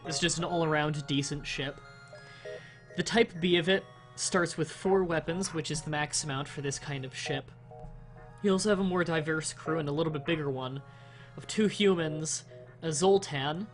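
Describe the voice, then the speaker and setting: Bright and on the high side, the nasal voice of a slightly sick young man carries a casual let's-play. He wanders as he explains how the game works, restarting sentences and using plenty of fillers.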